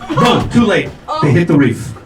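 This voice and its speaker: Middle-aged man, stand-up comedian, brash and rambling, higher voice, roomy live venue, far from the mic. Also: sing-song, normal speed, over music. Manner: brash, rambling, self-mocking.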